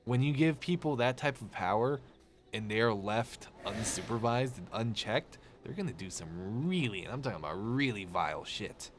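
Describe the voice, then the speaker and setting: A man ranting on a live game stream, animated, sarcastic and full of swearing. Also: fairly low pitch, normal speed, a little hiss or hum. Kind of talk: casual live-stream rant.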